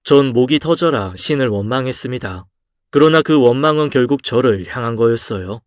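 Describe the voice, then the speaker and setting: Calm male story narrator, dry sound. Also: medium pitch, a little fast, dry recording. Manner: calm, subdued and reflective. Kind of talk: first-person story narration.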